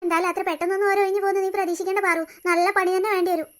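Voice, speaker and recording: A woman's voice: very high-pitched, little pitch movement, very fast. A woman voicing a caring teenage elder sister who explains things patiently, in a cartoon story. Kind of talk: cartoon voice acting.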